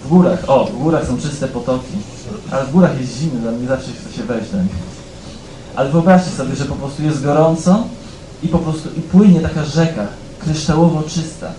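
A man preaching a sermon in a conversational way, often checking in with the congregation and growing louder as he reads scripture aloud. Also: mid-range voice, brisk, echoey room, slight background noise, low-quality recording. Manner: conversational, keeps asking "tak?" of the congregation; rises louder when reading scripture aloud.

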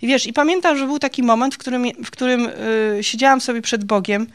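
A woman's voice: a little high, fast talker. A woman giving a personal faith testimony to a group of women, chatty and confiding, laughing at her own stories. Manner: chatty and confiding, ends phrases with "nie?".

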